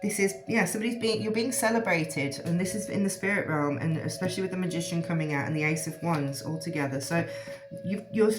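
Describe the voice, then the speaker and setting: A low-pitched woman reads tarot cards for her viewers in a loose, rambling way, stopping and restarting her sentences. Her voice is a little rough from a frog in her throat, and faint music plays under her. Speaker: tarot reader. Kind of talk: intuitive tarot reading.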